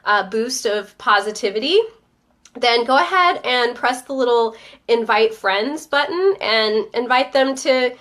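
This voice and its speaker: A stuffy-nosed woman hosts a live stream, her slightly high voice upbeat and chatty. She talks straight to her viewers and reads out their comments as they come in. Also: animated, measured pace, a bit bright. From Northern Virginia. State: stuffy, coming down with a cold. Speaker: host of a live-streamed show. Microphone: webcam or phone on a live stream.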